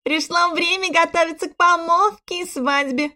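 A woman reader playing a prim, indignant court lady in a storybook reading. The voice climbs shrill and squeaky and scolds with sharp, loud words. It rises well above the reader's own already high voice. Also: measured pace. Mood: sarcastic.

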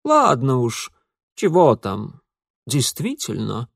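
A man's voice: medium pitch, huge pitch swings, slow, vocal fry, breathy edge, no echo, studio quality, exaggerated voice. Man voicing a huffy, snappish young nobleman. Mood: indignant. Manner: indignant, snappish. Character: prickly, huffy young nobleman, tied up and sulking.

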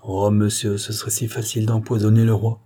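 A man's voice: lowish voice, monotone, fairly quick, mellow. A man reading a storybook voices a devout, anxious young princess in an earnest, pleading tone. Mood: alarmed.

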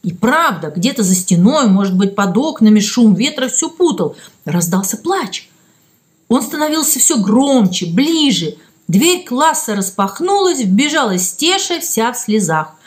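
A woman narrating a children's story in an expressive storytelling manner. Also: on the high side, a little slow. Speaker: reader.

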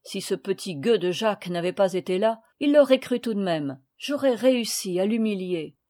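A woman's voice: mid-range voice, animated, moderate pace, warm tone, lightly acted. A woman reading aloud, voicing a jealous, spiteful boy who sneers at his rival in a storybook. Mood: scornful. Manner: spiteful and scornful.

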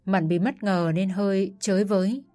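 A woman narrating an audiobook novel in an even storytelling manner. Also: medium pitch, moderate pace. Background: faint music.

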